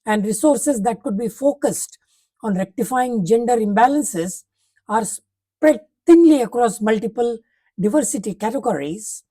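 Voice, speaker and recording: A woman reading a prepared talk aloud, setting out numbered points in a measured, formal way. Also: on the high side, warm tone, slightly rough, rough recording.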